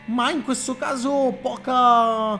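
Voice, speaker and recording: A man giving live motorcycle race commentary in an excitable, slightly strained voice, often repeating his phrases. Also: extremely high pitch, takes it slowly, faint music behind. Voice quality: strained, tired voice. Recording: loud engine and vehicle noise. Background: trackside motorcycle noise.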